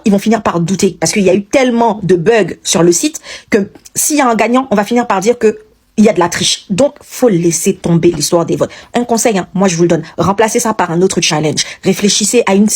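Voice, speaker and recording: A woman's voice: mid-range voice, darkish tone, breathy edge. Chatty Haitian woman with Cameroonian accent. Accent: Cameroonian French. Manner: chatty, earnest, pleading advice with many fillers. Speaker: social media creator. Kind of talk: casual video message.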